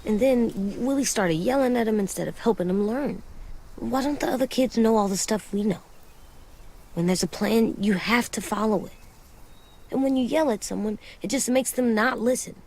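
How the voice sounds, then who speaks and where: A woman voices an earnest, brooding young boy who survived the events of a video game drama, sounding frustrated. Her fairly high, slightly mellow voice is childlike and husky, and she speaks slowly and haltingly in plain words. The recording is rough.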